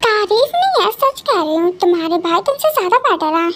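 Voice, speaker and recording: A woman voicing an angry, sharp-tongued young bride in an amateur romantic audio drama. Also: very high-pitched, very animated, fairly quick, heavily acted. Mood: scolding. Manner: scolding, sharp retorts, later coaxing.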